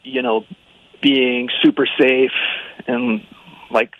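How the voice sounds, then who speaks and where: A man's voice: mid-range voice, fairly even intonation, takes it slowly, vocal fry, no echo. Man, speakerphone call, thin phone-line audio, dry, hesitant casual talk. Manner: hesitant, full of "you know" and "like" fillers. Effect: heard over a phone line on speakerphone. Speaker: radio show call recipient.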